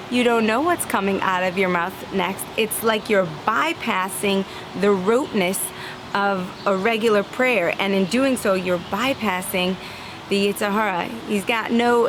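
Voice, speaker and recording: A mid-range female voice, heard over background noise, carries an earnest talk of religious inspiration. She's animated, performs inner voices, and laughs lightly here and there.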